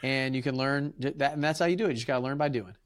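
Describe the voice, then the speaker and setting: A man hosting a podcast, talking in a relaxed, rambling way and acting out his conversations with tradesmen. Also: medium pitch, racing, a loud crowd. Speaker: podcast host. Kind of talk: casual interview chat.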